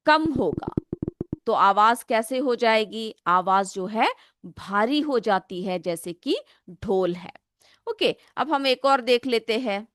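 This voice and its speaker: A woman teacher explains a science lesson to children, posing questions and answering them herself. Her voice sits a little high for a woman. It is recorded close and dry, with almost no room sound. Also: a bit bright, no echo. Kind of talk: classroom lesson, explaining a simulation.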